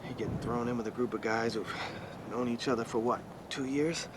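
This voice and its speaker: An actor playing a plain-spoken soldier in a war drama. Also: male voice, medium pitch, brisk, natural voice. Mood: matter-of-fact. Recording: noisy outdoor film soundtrack.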